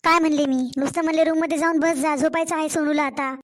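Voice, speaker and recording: A woman voicing a harsh, impatient young stepmother in an animated storybook, speaking with a Marathwada Marathi accent in a sharp, scolding way. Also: high-pitched, quick pace, close to an everyday voice. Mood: irritated.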